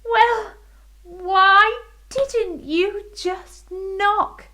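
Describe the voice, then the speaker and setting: A woman's voice: very high-pitched, extremely slow, bright, forceful tone, voice pushed up, heavily acted. A woman voicing a friendly, giggly queen in a children's story. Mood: amused.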